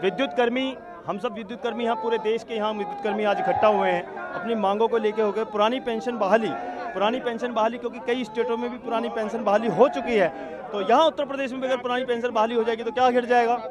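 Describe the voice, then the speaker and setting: A man's voice: very high voice, fairly even intonation, fast talker. A male electricity worker at an outdoor rally, insisting on his demands and repeating himself. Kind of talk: street interview. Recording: protest crowd outdoors.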